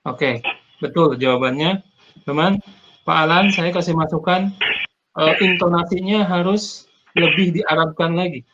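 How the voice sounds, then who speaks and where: A man teaching an online Arabic class over a video call, patient and corrective, often pausing with "eh". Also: on the high side, fairly bright tone, a little hiss or hum. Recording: muffled video call audio.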